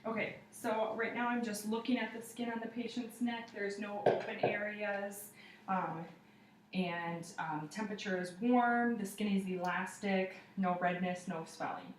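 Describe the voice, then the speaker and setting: A woman's voice: mid-range voice, steady tone, a little slow. A young adult woman giving a step-by-step spoken demonstration of a clinical exam, narrating each finding as a student would. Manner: procedural, step-by-step narration to a patient and observer. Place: living room, indoors. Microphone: camera across the room. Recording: roomy, distant camera mic, faint noise.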